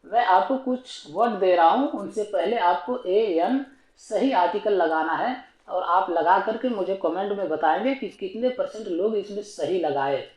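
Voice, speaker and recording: A man's voice: high voice, a little mellow, roomy sound, poor audio. A man teaching an online grammar lesson, explaining patiently and repetitively and asking himself rhetorical questions.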